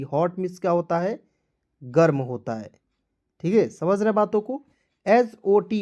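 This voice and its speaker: Male English teacher, mellow voice, letter-by-letter spelling lesson, repeats each word, answers his own questions. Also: high voice. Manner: repetitive, asks questions and answers them himself.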